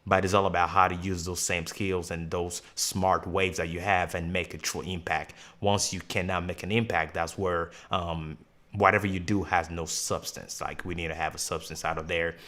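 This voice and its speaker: Male livestream host with a very low voice, courteous and supportive. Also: little pitch movement, normal speed, hardly any pauses, bright, forceful tone. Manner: polite, encouraging, says "yes, sir". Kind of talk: livestream interview.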